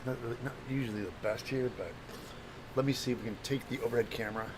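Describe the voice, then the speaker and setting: A slightly hungover man with a phlegmy throat, hosting a casual craft livestream in a halting, distracted, apologetic way while he works and chats to viewers. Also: mid-range voice, steady tone, noisy background. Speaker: livestream host, craft demonstrator.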